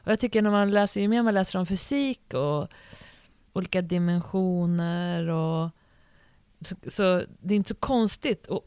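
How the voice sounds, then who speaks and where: A woman's voice: fairly low pitch, smooth, no echo. A woman, chatting casually and thinking aloud about her ideas. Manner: musing, thinks aloud, gives many soft agreeing murmurs. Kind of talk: casual chat.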